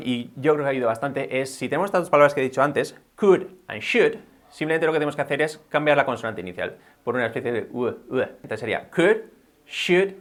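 A man teaching English in a bilingual video lesson, repeating words slowly as drills. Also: medium pitch, fairly bright tone.

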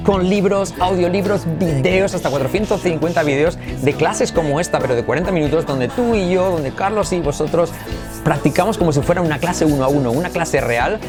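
Spanish-accented male English teacher, playful and energetic, drills pronunciation aloud. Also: a little high, a little fast, music in the background. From Spain. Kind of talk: bilingual pronunciation lesson.

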